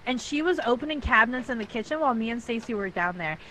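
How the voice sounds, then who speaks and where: A woman co-playing a ghost-hunting game, chatting casually and explaining the rules in an excitable way. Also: fairly high pitch, fast, a little hiss or hum, rough recording. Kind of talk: casual gaming chat.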